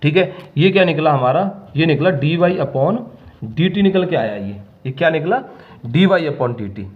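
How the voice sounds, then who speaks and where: In this whiteboard maths lesson, the teacher's voice is a little high and expressive, though the audio sounds narrow and tinny. He takes the problem slowly, dictating each term step by step and frequently making sure the class keeps up.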